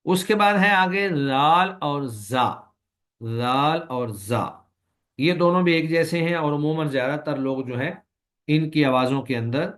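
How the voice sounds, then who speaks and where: A man who teaches Quran recitation, giving a recorded lecture and explaining slowly and patiently, with long drawn-out sample sounds and a Pakistani Urdu accent. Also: on the high side, a bit bright. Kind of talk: recorded lecture on letter pronunciation.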